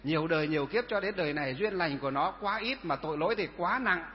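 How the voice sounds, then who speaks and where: Monk guy giving a sermon, fairly high voice, lots of repeating himself, dull muffled recording. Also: expressive, fast, a little hiss or hum. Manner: repetitive, asks and answers own questions. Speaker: Buddhist monk answering questions. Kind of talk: sermon with rhetorical questions. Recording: dull lo-fi sound with long reverb.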